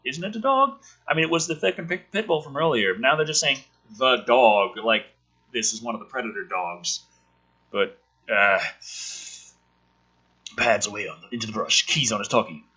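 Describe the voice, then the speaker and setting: A man with a husky, animated mid-range voice, pushed and bright, moves at a moderate pace with long pauses, on a muffled recording. His slight illness has left his throat a bit sick. As host he reads a film script aloud, mocking it with ranting, joking commentary that's sweary, sarcastic and exasperated.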